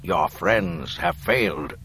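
A man doing the Emperor, slow and sinister. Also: low-pitched, sharp tone, a little hiss or hum, heavily acted, rough recording. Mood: gloating. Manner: slow, drawn-out menacing delivery. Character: sinister old male emperor, cold and gloating.

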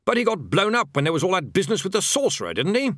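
A man's voice: high voice, huge pitch swings, racing, fairly bright tone, dry recording, clean studio sound, pitched above the performer's own voice, heavily acted. A man voicing a fussy, nervous university bursar who stammers and is anxiously polite. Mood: flustered. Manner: flustered, stammering, overly polite.

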